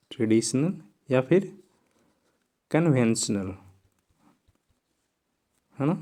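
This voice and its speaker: Male tutor, slow and deliberate, repeats each word and checks in with short tag questions while writing on a board. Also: fairly high pitch, dark tone. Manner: writes on a board while explaining. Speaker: teacher. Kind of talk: exam vocabulary lesson.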